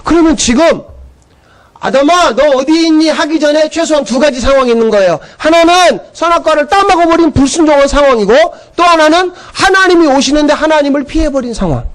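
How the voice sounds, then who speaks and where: A male pastor with an unusually high voice delivers a Sunday sermon. He tells scripture as a story, dropping into quoted lines and swinging his tone up and down to act out the characters. He sounds middle-aged and speaks with a preacher's storytelling drive. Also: expressive, fast, hardly any pauses. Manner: storytelling preacher who acts out biblical dialogue in shifting voices.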